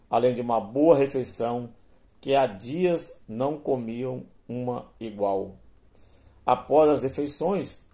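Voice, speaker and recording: Man slowly reading a story, mellow voice. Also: mid-range voice.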